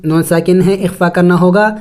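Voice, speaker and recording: A Quran tajweed teacher giving a step-by-step recitation lesson. They spell out syllables slowly, then explain each rule at a brisk pace. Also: medium pitch, steady tone, darkish tone.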